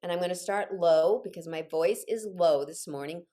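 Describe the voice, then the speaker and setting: Low and dark-toned at normal speed, this older choir leader, still getting over a cold, runs an instructional singing session for a group on a video call. She directs and encourages the singers while slipping in personal remarks.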